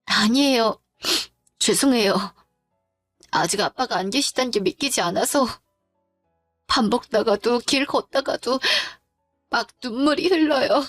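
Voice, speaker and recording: A grieving young daughter, tearful yet firm and confrontational, as a woman puts her on. Her voice is slightly high, recorded close and dry, with soft music in the background. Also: a little slow, long pauses, no echo. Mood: upset. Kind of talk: storytelling drama voice acting.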